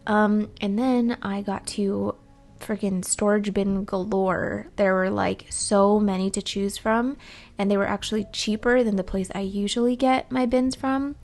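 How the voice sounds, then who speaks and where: A woman chats her way through a vlog voice-over, rambling from one thing to the next with plenty of ums. Her voice is rough from the morning and has a gravelly edge. She sounds relaxed and unscripted. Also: medium pitch, a little slow, soft background music. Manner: chatty and rambling, with frequent ums. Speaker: vlogger.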